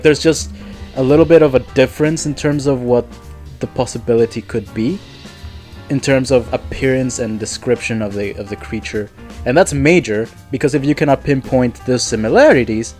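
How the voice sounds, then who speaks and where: A man in casual podcast chat, animated and breaking into laughter, often trailing off and restarting his sentences. His voice sits at a middle pitch, and soft music plays faintly in the background. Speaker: podcast co-host.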